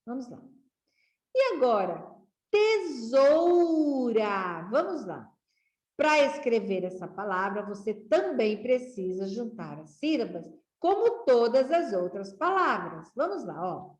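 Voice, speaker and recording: A woman teacher sounding out syllables for young children in a slow, patient, encouraging way. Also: a little high, big pitch swings. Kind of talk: children's literacy lesson. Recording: echoey room.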